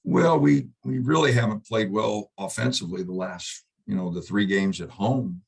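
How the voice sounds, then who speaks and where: Middle-aged male coach, deep husky voice, halting postgame answers. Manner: halting, subdued, many fillers and restarts. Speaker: basketball head coach. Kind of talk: postgame press conference.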